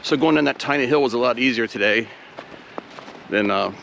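A man's voice: medium pitch, brisk, gravelly, a bit bright, slight background noise. A man from Ohio vlogging casually while hiking outdoors on a snowy trail, easygoing and self-deprecating, with frequent filler words.

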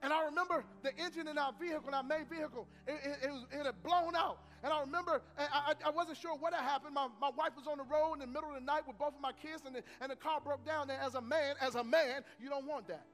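A man's voice: extremely high pitch, fairly even intonation, fast talker, few pauses, a bit bright, faint music behind. A man preaching a sermon as pastor, repeating phrases for emphasis and leading call-and-response. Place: church sanctuary.

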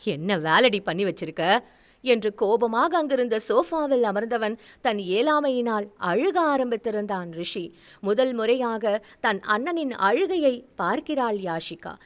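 A woman reading a novel aloud as an expressive audiobook narrator. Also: on the high side, a little slow. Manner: expressive storytelling.

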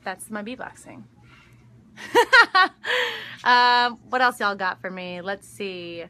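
A woman's voice: mid-range voice, measured pace, background noise. A young woman casually answering fan questions during a live stream, chatty with frequent ums and giggles. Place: backstage dressing room. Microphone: phone livestream.

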